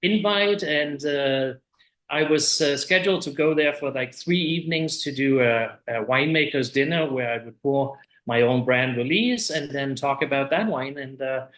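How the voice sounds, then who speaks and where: Relaxed Danish-accented man, echoey. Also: medium pitch, moderate pace. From Denmark. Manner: relaxed, hesitant with many uh fillers. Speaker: winemaker guest. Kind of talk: casual interview chat.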